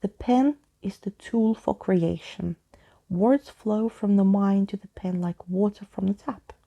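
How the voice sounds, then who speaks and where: A woman's voice: medium pitch, a little slow, gravelly, highs cut off. A woman voicing a pompous, wordy old male skeleton in a storybook reading, with grandiose, theatrical speech. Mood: grand, explaining.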